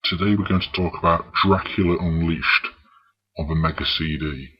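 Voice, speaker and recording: A man narrating a scripted retro video game review in a husky voice. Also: sits low, steady tone, moderate pace. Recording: dull, muffled lo-fi voice track.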